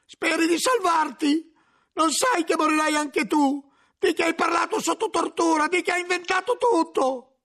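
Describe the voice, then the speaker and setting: A man voicing a furious, desperate monk cellarer who shouts his accusations. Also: fairly even intonation, moderate pace, exaggerated voice. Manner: shouting, high-strung.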